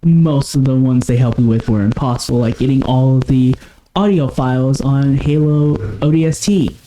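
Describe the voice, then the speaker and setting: Rambling man with a mellow voice. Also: mid-range voice, normal speed, slight background noise, rough recording. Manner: rambling, self-correcting. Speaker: podcast co-host. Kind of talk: casual chat.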